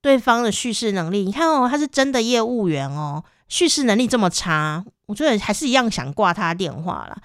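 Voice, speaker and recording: A woman's voice: medium pitch, a little fast, hardly any pauses, no room sound, studio quality. A young adult woman with a Taiwanese Mandarin accent, hosting a casual podcast and telling stories animatedly with frequent laughter. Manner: animated storyteller who laughs often. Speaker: podcast host.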